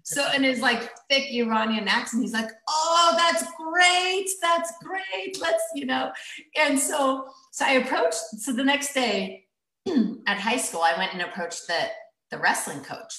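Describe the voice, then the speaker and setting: Laughing animated woman in an echoey room. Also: a little high, moderate pace. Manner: animated, laughs often, acts out quotes. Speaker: guest. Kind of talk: casual storytelling interview.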